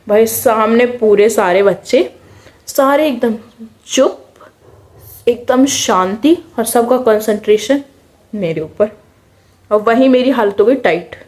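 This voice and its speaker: A young woman with an Indian accent telling a personal story in a casual, chatty way. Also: a little high. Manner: chatty, animated, mixes English words into speech. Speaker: vlogger.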